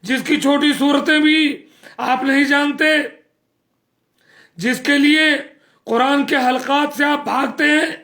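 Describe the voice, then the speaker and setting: A man's voice: very high voice, steady tone, pauses often, bright, forceful tone. A man preaching a sermon, earnest and scolding, repeating phrases for emphasis.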